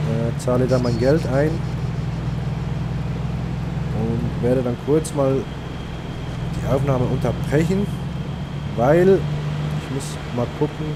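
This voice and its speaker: A man's voice: mid-range voice, heavy background noise. A man from Switzerland with a Swiss German accent, commenting on his own gameplay, swearing and muttering to himself. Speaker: gaming video creator.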